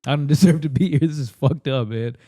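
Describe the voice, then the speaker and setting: At a table inside a house, an American man competing as a comedian improvises a crude, self-deprecating rant into a handheld mic. His voice is on the high side yet dark in tone, his pace quick, and the recording is clean studio sound with no echo.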